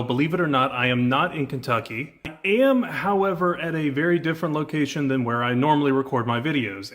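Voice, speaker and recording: A man's voice: mid-range voice, a bit bright. A man doing casual, joking gameplay commentary, recorded somewhere with a cave-like echo. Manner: chatty and joking, laughs easily. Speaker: gameplay video host. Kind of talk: casual let's-play commentary. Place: unfamiliar room with poor acoustics, not his usual setup.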